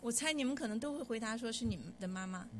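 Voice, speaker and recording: A woman with a high voice quickly interprets a sermon line by line. Her delivery is fluent but she sometimes restarts a word, and a faint hum sits under the voice. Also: lively intonation.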